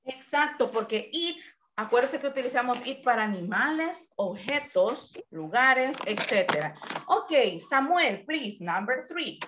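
A woman's voice: fairly high pitch, expressive, unhurried, fairly bright tone, dull audio, a little hiss or hum. Give me a patient woman English teacher on a call. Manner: explains patiently, switches into English examples. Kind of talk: online class instruction.

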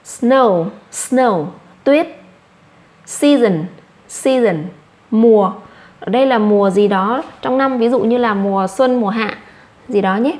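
A woman's voice: fairly high pitch, a little mellow. Vietnamese woman teaching English words. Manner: repeats each English word slowly, then explains it. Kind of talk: vocabulary lesson for children.

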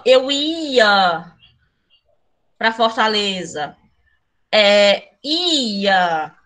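A woman teaching Spanish in an online class, with a bright, clear voice set somewhat high. She calls herself "a tia" and explains in a chatty, teacherly way. She speaks into a computer mic on a video call. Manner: speeds up when excited about grammar.

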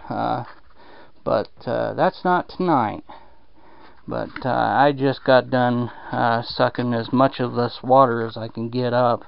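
Speaking slowly in a steady, smooth, mid-range voice with vocal fry, a man drawls and rambles with lots of fillers during a damp-basement home repair walkthrough. The recording is dry, and the handheld camera audio is dull and lo-fi.

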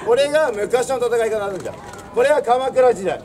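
A young adult man with a very high, darkish-toned voice speaks animatedly at normal speed. Using old samurai speech, he delivers a theatrical, swaggering, declamatory history lesson outdoors in front of a castle stone wall. Recorded from a distance, the clip includes crowd, bird and traffic sounds.

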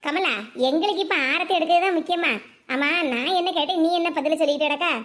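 A woman's voice: extremely high pitch, quick pace, a bit bright. A woman doing a stern village auntie demanding answers. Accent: Tirunelveli Tamil. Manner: pointed, insistent questioning.

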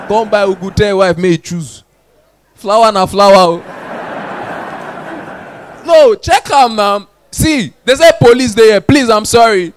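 A man's voice: high-pitched, a little hiss or hum. A Nigerian man doing stand-up comedy, with loose, rambling jokes and sung asides. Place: comedy stage.

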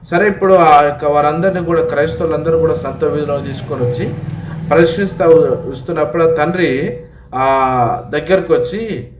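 A man preaching as a pastor, telling a martyr story in a sermon, calling the listeners God's children and pausing often on long fillers. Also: on the high side, noisy background. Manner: retells a martyr story with frequent drawn-out fillers. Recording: echoey room, voice from a distant mic.

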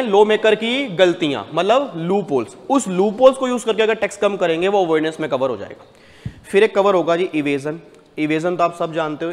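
A man giving a tax lecture to a class, animated, putting questions to the students and answering them himself. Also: high voice, in a large hall.

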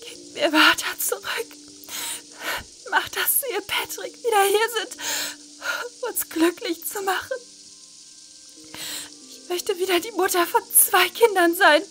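A woman's voice: very high-pitched, takes it slowly, pauses often, bright, forceful tone, slight background noise, voice pushed up, exaggerated voice. A woman voicing a despairing middle-aged mother in a game, pleading in a tearful way.

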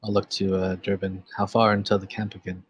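A man playing a tabletop game, speaking in character in a gruff, terse way. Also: low voice, little pitch movement, fairly quick, no room sound, muffled recording. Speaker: player.

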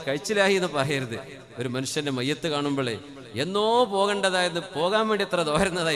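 A man from Kerala preaching a sermon into a microphone, dropping to soft conversational asides and rising to loud, drawn-out chanted Arabic phrases. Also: mid-range voice. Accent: Kerala Malayalam. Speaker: Islamic preacher. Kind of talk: Malayalam sermon.

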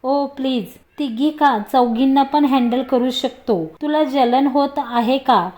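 A woman's voice: sits high, takes it slowly, a little mellow. A woman voicing a playful, confident young man who teases and jokes as he talks. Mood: teasing. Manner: teasing, joking.

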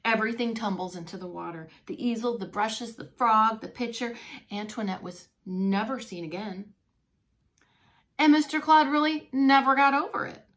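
A preschool teacher around forty, her voice on the high side and her speed normal, reads a picture book aloud expressively. She stops now and then to explain words to the young children. They sit in a small indoor room that has a bookshelf and a whiteboard.

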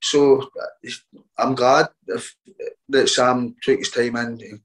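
A man, a boxer, telling his story in a casual interview, halting and repeating words as he quotes what others said. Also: mid-range voice, steady tone, rough recording.

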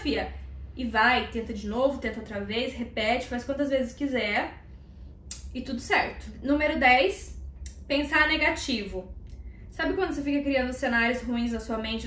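A woman's voice: high-pitched, fairly bright tone. A woman teaching belly dance online, chatting in a casual, slangy and encouraging way. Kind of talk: casual online lesson talk. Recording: echoey room.

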